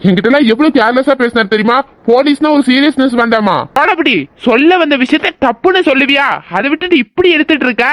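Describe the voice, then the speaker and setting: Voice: high voice, fairly bright tone, no room sound. A performer voicing a headstrong, defiant young male doctor who speaks assertively. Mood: firm. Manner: assertive, quick. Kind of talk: audio drama acting.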